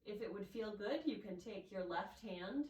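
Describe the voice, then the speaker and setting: A woman with a nasal voice from allergies, calmly guiding a yoga class step by step. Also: mid-range voice, normal speed, reverberant, far from the mic, rough recording. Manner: calm, gentle step-by-step cueing. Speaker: yoga instructor. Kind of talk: guided yoga class instruction.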